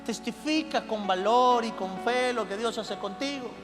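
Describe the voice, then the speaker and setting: A pastor preaching a sermon in a church hall with a Mexican Spanish accent, moving from quiet, intimate talk to loud shouting. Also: male voice, very high voice, measured pace. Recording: long church reverb with music underneath.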